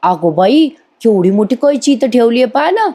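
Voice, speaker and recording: A woman's voice: on the high side, big pitch swings, normal speed, mellow. Woman doing a brash rustic older village woman. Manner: brash, scolding.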